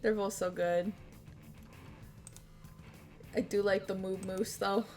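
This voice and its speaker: An easygoing woman hosts a casual game livestream, chatting at a middle pitch. Music plays softly behind her relaxed, offhand talk. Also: slow. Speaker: streamer and host. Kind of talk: casual livestream chat while playing party games.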